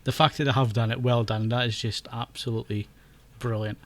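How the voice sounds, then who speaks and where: A man hosting a tech podcast, chatting casually and then wrapping up the show with quick plugs. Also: mid-range voice, fairly even intonation. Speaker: podcast host. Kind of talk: casual chat and show sign-off.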